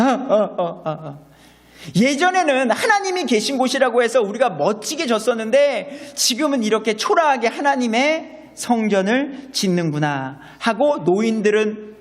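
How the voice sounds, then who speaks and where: Lively high-voiced preacher in a hall. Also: male voice. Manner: animated, acting out quoted voices. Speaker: pastor. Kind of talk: sermon.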